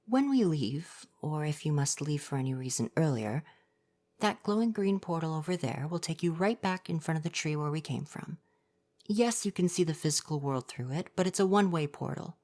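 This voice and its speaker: In an ASMR roleplay, a man voices a gentle, coy, flirty forest spirit, speaking softly and sometimes breathily in a formal, reassuring manner. His voice is a little high with lively intonation and a normal pace.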